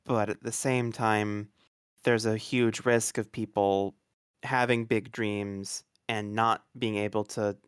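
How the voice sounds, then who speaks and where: A man on a gaming podcast panel, talking in a measured, thoughtful way. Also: lowish voice, little pitch movement, smooth, dry recording, clean studio sound. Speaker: podcast panelist, game reviewer. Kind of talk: casual chat.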